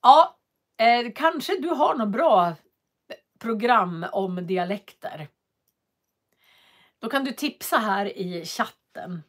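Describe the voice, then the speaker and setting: A woman's voice: on the high side, expressive, pauses often. A woman hosting a casual livestream from her home office, chatting and reading out viewer comments with frequent hesitations. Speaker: livestream host.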